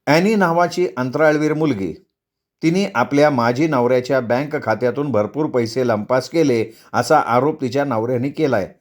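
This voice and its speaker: A man narrating a comic story, lively and theatrical. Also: medium pitch. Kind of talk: storytelling reading.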